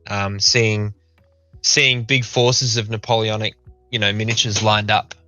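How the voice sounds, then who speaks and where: A man co-hosting a livestream, talking casually on a gaming headset while he paints miniatures, with a relaxed, rambling manner. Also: lowish voice, a little slow, faint music behind. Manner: relaxed, rambling, laughs often.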